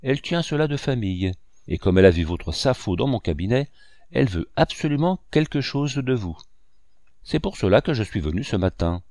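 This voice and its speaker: A man's voice: mid-range voice, very animated, brisk, a little mellow, no echo, studio quality, pitched above the performer's own voice. A man reading as a jovial teasing count. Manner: jovial, bantering delivery.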